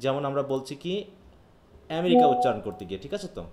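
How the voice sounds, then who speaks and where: Speaking fast and very animated at a medium pitch, a male teacher from Bangladesh runs a live online phonetics class over heavy background noise. The echoey room adds a roomy sound as he explains patiently and frequently checks that students are keeping up.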